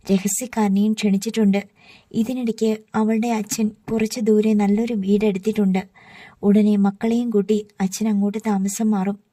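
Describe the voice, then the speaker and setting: A woman's voice: medium pitch, mellow, no room sound, lightly acted. A woman voicing a young woman who is a grieving, loving older sister, speaking earnestly in a storybook reading.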